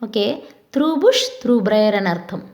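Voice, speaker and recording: A woman teacher with a Telugu accent, reading English lines slowly and then explaining them quickly in Telugu. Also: medium pitch, very animated, a little mellow. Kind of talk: explaining an English textbook lesson.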